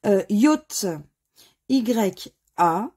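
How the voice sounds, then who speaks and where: Woman, from France, hoarse, mellow, unhurried, spells letters aloud. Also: medium pitch, animated, a little hiss or hum. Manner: spells out letters one by one, muttering to herself. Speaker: scratch-card video host. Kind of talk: casual scratch-card commentary.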